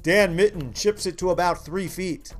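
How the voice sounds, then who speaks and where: Male sports show narrator, high-pitched, scripted golf highlight links with faint music. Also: normal speed.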